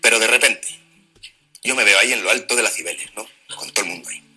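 A man telling a stand-up comedy story, animated, with deadpan asides. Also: on the low side, fast talker, breathy edge, soft background music, low-quality recording.

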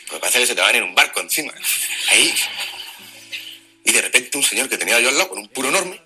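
Animated comedian, very bright voice. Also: male voice, medium pitch, fast, faint music behind, rough recording. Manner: animated storytelling, deadpan asides. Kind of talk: stand-up comedy monologue.

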